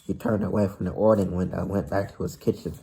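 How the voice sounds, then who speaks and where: A man's voice: low voice, steady tone, quick pace, creaky, warm tone. A man reading a children's novel aloud who stumbles and restarts now and then. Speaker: reader of a novel.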